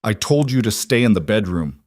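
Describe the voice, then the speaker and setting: A man's voice: lowish voice, big pitch swings, moderate pace, dry recording, clean studio sound. A man voicing a protective male crime boss who speaks hard and commanding.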